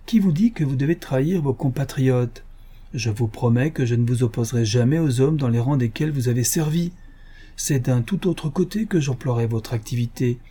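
A man voicing a scheming male tempter in an audiobook, speaking in a soft, coaxing, persuasive way. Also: medium pitch, moderate pace, slightly rough, natural voice. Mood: pressing. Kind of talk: audiobook character voice.

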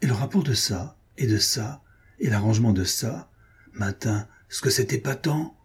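A man's voice: mid-range voice, measured pace, warm tone, slightly rough. A man voicing a grief-stricken male painter, obsessive and volatile, with a feverish, exclamatory way of speaking. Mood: rapt, murmuring.

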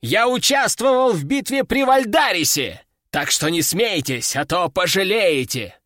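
A man's voice: high voice, expressive, a little slow, fairly bright tone, no room sound, studio quality. A man voicing a boastful, hungry male demon in an audiobook, snarling and mocking. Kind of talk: audiobook character voice.

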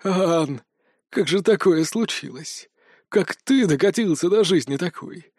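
Man voicing a trickster god, shrill, whiny, theatrical, high, dry close sound. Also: lively intonation, unhurried, a little mellow, no room sound. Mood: pleading. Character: sarcastic ancient trickster god, male, whiny.

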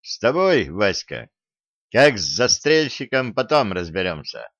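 A man's voice: lowish voice, very animated, unhurried, fairly bright tone, dry recording, lo-fi sound, heavily acted. A man voicing a brash young man in a storybook, cocky and bossy. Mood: commanding. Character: young brash scheming man, royal gossip.

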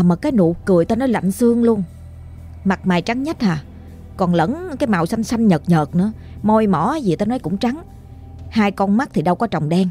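A woman with a Southern Vietnamese accent, narrating a ghost story in an animated, exclamatory way. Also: medium pitch.

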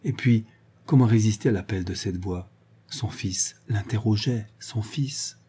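A man narrating a classic novel aloud in a measured, even reading. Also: lowish voice, slightly rough. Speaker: audiobook narrator.

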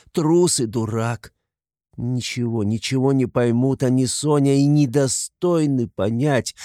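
A man playing a tormented, gloomy young man who speaks bitterly and often quietly in a storybook reading. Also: mid-range voice, gravelly, no echo, clean studio sound, voice pushed up.

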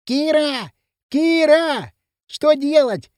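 Man doing a teenage boy, high and shouting, calling from a distance. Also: sing-song, takes it slowly, dry recording, clean studio sound, heavily acted. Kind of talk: audiobook role reading.

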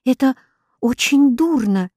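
A woman voicing a timid, gentle girl who is the tearful older sister, pleading softly in an audiobook. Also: sits high, lively intonation, slow pace, breathy edge, dry recording, studio quality, voice pushed up, exaggerated voice. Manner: soft pleading.

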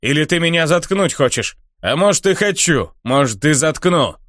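Finiamin, a man doing a brash shouting herald. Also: a little high, animated, dry recording, studio quality, pitched above the performer's own voice. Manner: cheeky, taunting, rapid patter. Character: brash loud young male herald player.

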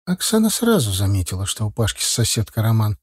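A man narrating an audiobook in the first person with a calm, even delivery. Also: fairly low pitch, quick pace, breathy edge, no echo, clean studio sound.

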